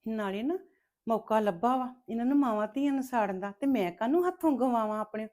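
A woman's voice: a little high, animated, a little fast, a little mellow, natural voice. An actress playing a spiteful, scheming woman who gloats over a mother and daughter, speaking. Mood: gloating. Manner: gloating, taunting. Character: spiteful scheming woman relishing a family's misery. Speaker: scheming relative. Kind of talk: web drama acting.

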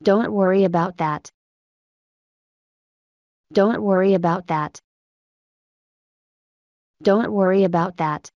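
Woman reading english drill lines real slow, plain and even, dry no room sound. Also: medium pitch, dry recording, dull audio. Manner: plain, evenly paced model reading. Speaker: English phrase reader. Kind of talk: slow repeated phrase drills.

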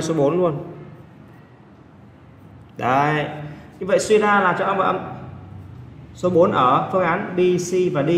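Male teacher, somewhat high, gravelly voice, explaining test answers in an echoey room with faint noise. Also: fairly bright tone. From Vietnam. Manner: explains step by step, asks students quick check questions. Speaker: English teacher. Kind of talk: exam answer walkthrough.

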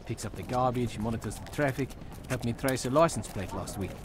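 An actor playing a gruff, wry, macho tough guy in a video game drama, with deadpan delivery. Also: mid-range voice, brisk, a crowd in the background, natural voice.

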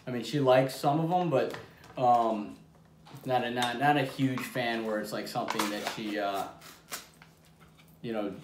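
A man co-hosting a casual taste-test vlog, rambling and restarting his sentences, sometimes talking with his mouth full. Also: medium pitch. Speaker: vlog co-host. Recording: echoey room with faint noise.

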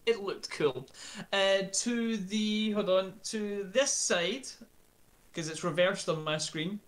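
A woman hosting a tabletop game stream as game master, chatty and quick with asides and laughter. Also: medium pitch. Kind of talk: casual stream intro.

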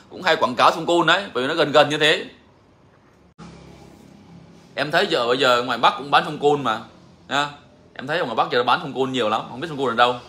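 A man's voice: on the high side, bright, forceful tone, a little hiss or hum. A man, a songbird breeder answering viewers in a casual live chat. He is emphatic and repeats his phrases.

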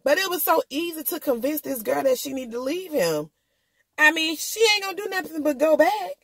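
A woman's voice: sits high, sing-song, a little fast, fairly bright tone, no room sound. A woman recapping a TV episode in casual, slangy chat, talking candidly straight to her viewers. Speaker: TV episode reviewer.

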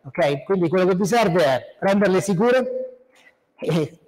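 A man's voice: high voice, expressive, a little slow, a little mellow. A man speaking as a meetup presenter, giving a conversational technical talk to a live audience in a hall and explaining with examples and asides. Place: lecture hall.

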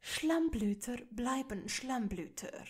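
Female reader doing a contemptuous older nobleman for a fan audiobook, loud and scornful, pitched fairly high and slow. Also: lively intonation, breathy edge, exaggerated voice. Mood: sneering. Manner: loud, sneering, raised voice. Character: cold haughty older male aristocrat, contemptuous. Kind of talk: audiobook reading of fan fiction.

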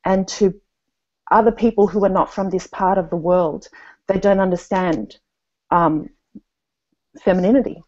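A woman's voice: mid-range voice, steady tone, measured pace, long pauses, darkish tone. A woman in her thirties from Tonga, speaking earnestly on a video call panel with many fillers and restarts. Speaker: panel guest. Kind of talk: thoughtful video call discussion. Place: small room indoors, seated at a desk. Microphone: webcam with earphones on a video call. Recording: dull lo-fi video call audio.

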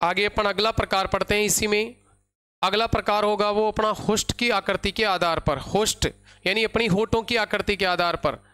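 A male grammar teacher with a high, smooth, resonant voice. He teaches an online class in a patient, repetitive way. He keeps asking the students questions and answering them himself, and he drags out key terms word by word as if dictating notes. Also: fairly even intonation, bright, forceful tone. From India. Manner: slow, dictating pace when spelling out terms.

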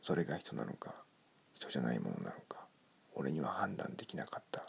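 A man reading a ghost story in a hushed, creepy manner, his gravelly, breathy voice often close to a whisper. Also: very deep voice, sing-song, brisk.

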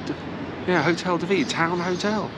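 A middle-aged travel vlogger, speaking at normal speed in a fairly low voice, presents a walking tour to a camera she holds at arm's length. She's outdoors in sunny city squares and streets amid traffic and street noise, talking in a chatty, rambling way and hesitating frequently.

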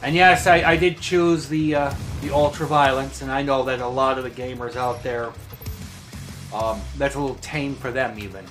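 A man giving comedic commentary while playing a shooter, excitable and cursing at the enemies. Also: medium pitch, normal speed. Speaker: gameplay commentator. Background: game music.

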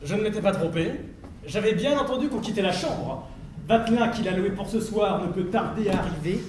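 Man playing a skirt-chasing gentleman, glib, bluffing, stage play, roomy theater. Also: high-pitched, brisk, background noise, natural voice. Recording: echoey theater stage recording.

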